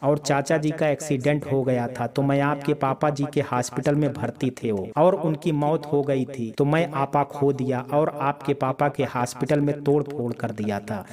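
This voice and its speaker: A man's voice: medium pitch, steady tone, moderate pace, few pauses, a crowd in the background, close to an everyday voice. A man voicing a proud, hot-tempered young lover in a spoken storybook, talking bluntly and bitterly. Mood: brooding.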